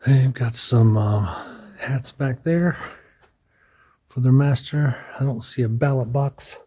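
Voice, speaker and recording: A faint hiss or hum sits under this man's slow, mellow, mid-range voice. The vlogger narrates a relaxed walk through a building's hallways and big rooms, rambling aloud, restarting his thoughts, and a little out of breath.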